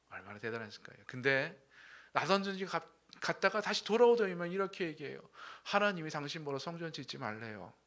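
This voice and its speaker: Bright-voiced Korean man preaching. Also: fairly high pitch. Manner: animated preaching with acted quotes and rhetorical questions. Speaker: pastor. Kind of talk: sermon.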